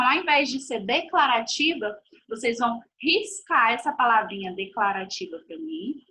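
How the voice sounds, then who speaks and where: A woman's voice: high-pitched, bright, forceful tone, slight background noise, poor audio. A woman giving a recorded video lesson to pupils, patiently repeating points and checking they follow. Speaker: teacher.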